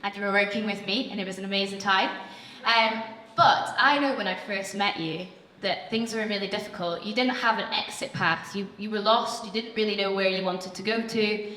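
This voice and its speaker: A woman's voice: medium pitch, moderate pace, pushed and bright. A woman, encouragingly introducing and interviewing as a programme host at a live event. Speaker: programme staff member hosting on stage. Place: large event hall, on stage. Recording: echoey hall, background noise.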